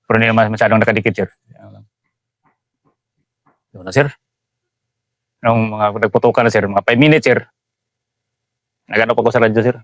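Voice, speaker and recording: Soldier telling a war story, saying "sir" constantly. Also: male voice, fairly low pitch, steady tone, moderate pace, pauses often, dry recording, studio quality. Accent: Filipino. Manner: respectful, says "sir" after nearly every phrase. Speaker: soldier recounting combat. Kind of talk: interview storytelling.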